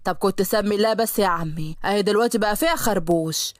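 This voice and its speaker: A woman's voice: mid-range voice, quick pace, no echo, studio quality, pitched below the performer's own voice, lightly acted. A woman playing a cocky young Egyptian man. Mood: teasing. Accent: Egyptian Arabic. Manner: boastful, joking, pushy.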